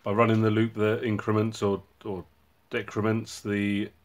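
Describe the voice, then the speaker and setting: A man hosting his own hobby channel, casually walking through a project and explaining it in a relaxed way with frequent ums and uhs. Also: on the low side, normal speed. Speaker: robotics hobbyist channel host.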